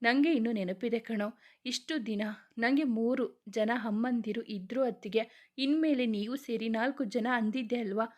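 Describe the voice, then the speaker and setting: Woman narrator doing tender sister-in-law, soft motherly scolding, higher voice. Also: highs cut off, lightly acted. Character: caring elder sister-in-law, gentle woman.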